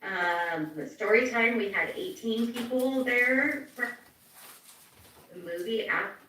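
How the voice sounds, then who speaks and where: A woman's voice: fairly high pitch, takes it slowly, bright, forceful tone, a little hiss or hum. Woman on choppy, cutting-out video call. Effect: choppy video-call audio that keeps cutting out. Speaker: library staff reporting to council. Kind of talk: remote meeting report. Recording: echoey and distant over a video call.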